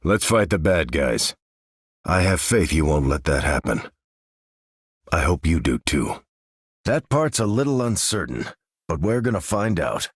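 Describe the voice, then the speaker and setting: Playing Captain America for a video game, an American man gives a full character performance of the stalwart veteran hero and earnest commander, using military phrasing in a measured, earnest mood. His low, sing-song voice has a breathy edge, moves at a measured pace, and pauses often. The studio sound is clean, with no echo.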